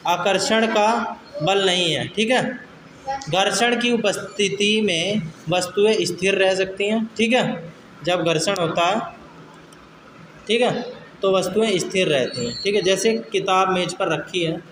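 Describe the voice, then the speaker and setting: A male science teacher giving a classroom lecture. He dictates slowly, then explains with everyday examples, often checking in with "okay", and scolds students firmly. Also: high voice. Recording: echoey classroom with background noise.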